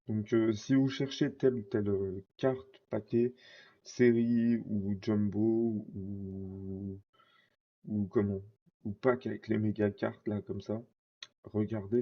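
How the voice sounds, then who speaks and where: A man's voice: on the low side, warm tone, muffled recording. A man chatting casually while showing his card collection, rambling with lots of fillers and self-corrections. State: scratchy throat.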